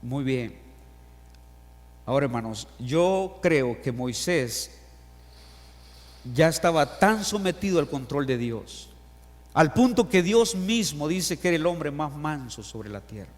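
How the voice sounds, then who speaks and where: Animated middle-aged pastor in a reverberant church. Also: male voice, a little high, slow, long pauses. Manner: animated, acts out Bible quotes and stories, asks the congregation questions. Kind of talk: sermon. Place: church sanctuary. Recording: long church hall reverb.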